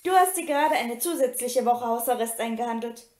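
Woman playing a stern growling dad, high voice, echoey room. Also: brisk, darkish tone, close to an everyday voice. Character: stern, anxious father in his forties. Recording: roomy echo.

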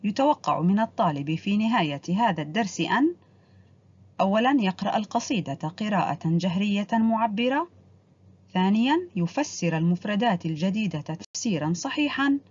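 A woman teacher giving a recorded reading lesson to young pupils, stretching words out slowly for them to repeat and praising them often. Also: medium pitch, animated, darkish tone, husky. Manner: slow drawn-out word drills. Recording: dull lo-fi audio.

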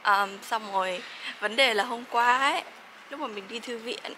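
A young woman from Vietnam, a master's student, chats casually in her student vlog at a moderate pace with a fairly high voice. She sounds sleepy, uses lots of fillers, and laughs frequently, with background noise audible.

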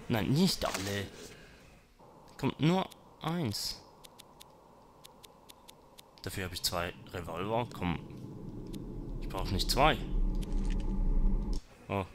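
Man, gameplay commentary, slow talker, noisy recording. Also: on the low side. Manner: jumpy, talks to zombies and himself, swears when startled. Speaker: let's player.

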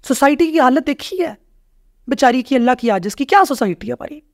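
A Pakistani rights activist appears as a podcast guest, speaking emphatically in a conversational interview and hammering her points home with rhetorical questions and repeated phrases. Her voice sits high, expressive and brisk, in clean studio-quality audio with no room sound.

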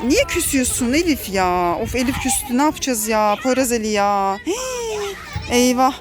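A woman's voice: fairly high pitch, very animated, normal speed. A woman with a Turkish accent filming a family play vlog, talking to her children as their mother and warning them with lots of drama.

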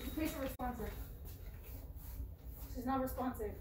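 A woman acts out an urgent medic in a homemade zombie film. Her voice is fairly high and sits away from the mic, in an echoey, noisy room. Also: normal speed, distant mic, lightly acted. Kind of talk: amateur found-footage drama.

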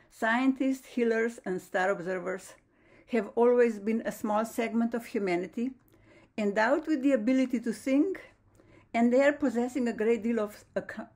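A woman from Slovenia giving a measured, formal science lecture over slides, with slightly non-native phrasing. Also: fairly high pitch, a little mellow. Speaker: lecturer, astrophysicist. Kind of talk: prepared online science lecture.

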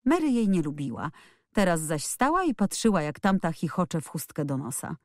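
A woman narrating an audiobook in an expressive, lively storytelling manner. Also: lowish voice, normal speed, dry recording, clean studio sound. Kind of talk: scripted narration.

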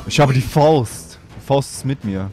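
A man's voice: mid-range voice, a little slow, mellow, faint music behind. A man giving gameplay commentary as a let's player, with playful, boastful trash talk.

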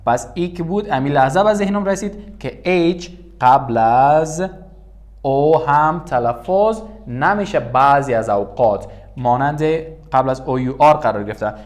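A man with an Afghan Dari accent teaching an English lesson in a room with a writing board. He says each word slowly and more than once, then translates it. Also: mid-range voice, animated. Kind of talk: bilingual classroom lesson.

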